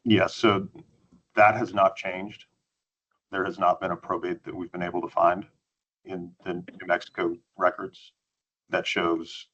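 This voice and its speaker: A man's voice: low-pitched, fairly bright tone, husky, dull audio. A man testifying as a witness at a hearing over a video call, giving brief, matter-of-fact answers. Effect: heard over a video call. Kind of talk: answering questions under examination.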